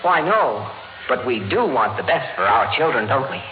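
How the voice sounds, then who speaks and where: An actor playing a slick, eager salesman with smooth, emphatic patter in an old radio drama. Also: mid-range voice, sing-song, moderate pace, natural voice. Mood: smooth, persuasive. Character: slick, eager salesman pitching an automatic nursery. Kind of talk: 1950s radio acting. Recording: noisy, tinny vintage radio recording.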